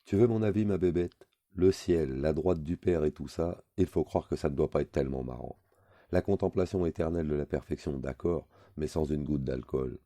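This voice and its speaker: A man's voice: a bass voice, normal speed, warm tone, dry recording, clean studio sound. A man reading a novel aloud, voicing an aging drunk man who rants with weary, insulting words. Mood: boozy, mocking.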